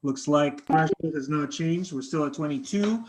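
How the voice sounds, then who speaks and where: A man chairing a members' meeting over a video call, running motions and votes in a brisk, polite, procedural way. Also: on the high side, darkish tone.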